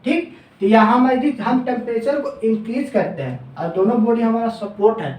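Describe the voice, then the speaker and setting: A man teaching engineering in a classroom lecture. He asks questions and answers them himself, drops lower on the answers, and slows down when dictating formulas. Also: darkish tone, distant mic, a little hiss or hum. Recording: echoey room, voice off-mic.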